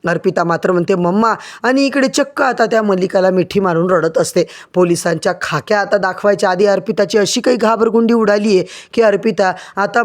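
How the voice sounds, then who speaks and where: A man narrating a dramatic soap opera recap and addressing the viewers directly. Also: high voice.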